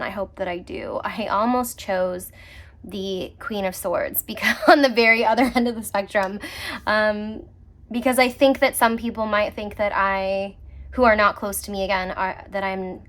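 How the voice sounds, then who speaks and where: A woman giving a casual, personal tarot reading on camera, reflective and quick to laugh, trailing off and restarting as she talks. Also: medium pitch, fairly bright tone. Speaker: tarot reader.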